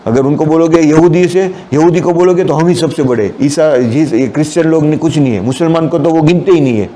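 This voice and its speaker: A man's voice: on the high side, brisk, dark tone, a little hiss or hum. A man giving a Friday sermon, explaining the meanings of scripture words and mixing in English terms. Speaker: preacher.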